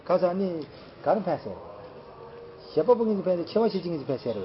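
Man, high voice, casual rambling talk, repetitive, lots of fillers, dull lo-fi recording. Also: expressive, fast. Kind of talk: casual chat.

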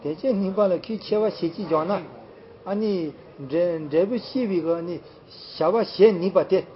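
A man with a high-pitched voice talks casually, circling back over the same phrases with many fillers. The sound is dull and lo-fi, like an old home recording. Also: moderate pace, slight background noise. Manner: rambling, repetitive, many fillers. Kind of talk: casual chat.

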